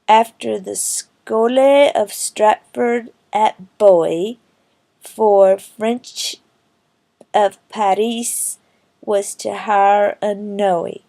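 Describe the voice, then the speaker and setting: Woman, mellow and creaky, for very slow, halting recitation of Middle English verse. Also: medium pitch. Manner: halting, careful word-by-word delivery with stumbles.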